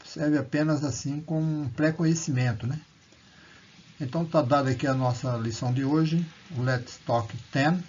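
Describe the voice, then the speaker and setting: A man's voice: fairly high pitch, fairly even intonation, moderate pace, darkish tone, lo-fi sound, a little hiss or hum. A man teaching basic English, reading short English phrases aloud and then translating and explaining them. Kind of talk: slow classroom explanation.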